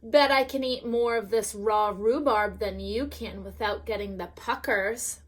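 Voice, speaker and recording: A woman voicing a bratty, competitive little girl who shouts back at her brother in a storybook reading. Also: measured pace, lightly acted. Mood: sly coaxing. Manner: shrill indignant shouting.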